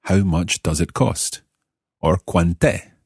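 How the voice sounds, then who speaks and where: A man hosting a podcast language lesson, explaining phrases in a clear, deliberate teaching voice and slowing down for examples. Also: low voice, a little mellow, no echo, clean studio sound.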